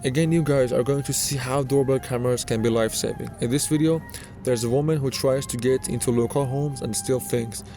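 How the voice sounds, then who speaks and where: A man's voice: mid-range voice, steady tone, brisk, mellow. A man reading scripted narration for a countdown video. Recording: music under the voice. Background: background music.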